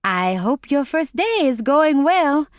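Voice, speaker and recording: Lady narrator doing a chatty young receptionist, slight chinese accent w/ a southern drawl, bouncy high voice. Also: big pitch swings, slow pace, no echo, studio quality, heavily acted.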